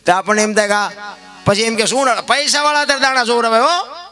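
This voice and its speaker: A man giving a folk discourse to a live audience, rustic and preachy, swinging between loud outbursts and soft asides. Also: very high-pitched, fast. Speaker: folk storyteller and speaker.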